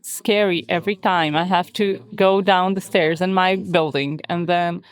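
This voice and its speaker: A woman in her thirties with an Israeli accent, speaking English as a second language in a casual interview, often pausing on "like" and other fillers. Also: medium pitch. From Israel, born in Russia. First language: Hebrew. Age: 30s. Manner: hesitant, many "like" fillers. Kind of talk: casual conversation. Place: hotel bomb shelter.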